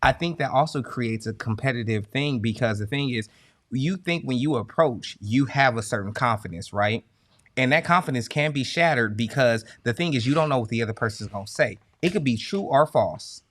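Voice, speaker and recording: A man's voice: mid-range voice, moderate pace, dry recording. Profane storytelling man, dry sound. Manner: animated storytelling, profane slang. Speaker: podcast co-host. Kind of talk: casual chat.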